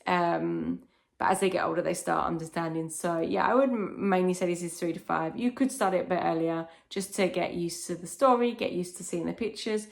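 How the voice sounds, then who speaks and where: Woman, young adult, casual book recommendations, enthusiastic, simple explanations, fairly low pitch, gravelly creak. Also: brisk. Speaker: parent recommending children's books.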